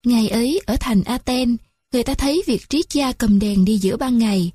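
Lyrical, husky woman narrator. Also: fairly high pitch, a little fast, dark tone, no room sound. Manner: lyrical, mournful reading. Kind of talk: scripted literary narration.

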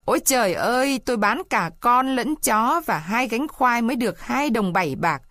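A poor peasant wife, as a woman reader puts her on, begging through tears in a higher voice. She pleads desperately and breaks into weeping complaints. The sound is close and dry, with no room around it. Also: lively intonation, normal speed, no room sound, lightly acted. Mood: tearful. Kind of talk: storybook reading.

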